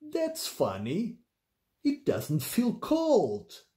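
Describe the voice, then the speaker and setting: Casting: a cheerful clumsy pig girl for a children's storybook, high and lilting, slow and mellow, done by the narrator. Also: wildly swooping pitch, exaggerated voice. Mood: playful. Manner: slow, sing-song and high.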